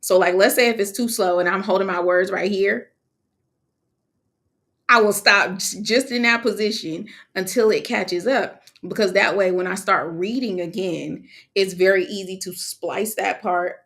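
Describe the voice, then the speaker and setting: Chatty, animated woman with a lowish voice. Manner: chatty and animated, with frequent laughs and fillers. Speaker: online course creator hosting a live co-working session. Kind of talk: casual live-stream walkthrough. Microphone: wearing her own microphone.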